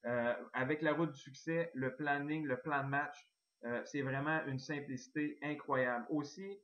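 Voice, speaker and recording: A man with a Québécois French accent giving an eager, excitable sales pitch on a recorded online call, full of fillers and restarts. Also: normal speed, muffled recording. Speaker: network marketing presenter.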